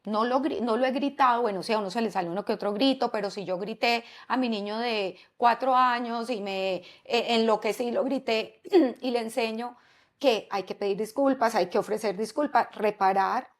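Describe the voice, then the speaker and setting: A woman's voice: a little high, moderate pace. A woman psychologist, explaining parenting ideas in a podcast interview, often asking rhetorical questions. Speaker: psychologist and parenting expert guest.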